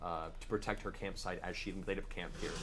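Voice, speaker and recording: A man narrating as game master of a tabletop game, steady and descriptive with small fillers. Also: low voice, brisk, crowd noise.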